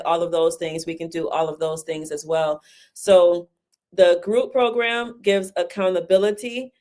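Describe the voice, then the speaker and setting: Fast-talking woman with a lowish voice. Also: darkish tone. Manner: talks fast, says "right?" often. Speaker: guest, book publisher and ghostwriter. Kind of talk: casual interview talk.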